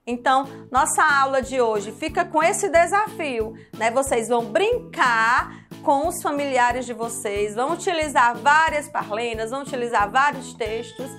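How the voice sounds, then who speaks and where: A woman from Brazil teaching a remote lesson to young children, slow and sing-song, with exaggerated rising questions. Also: high voice, expressive, music in the background. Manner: speaks of herself in the third person as "[name]".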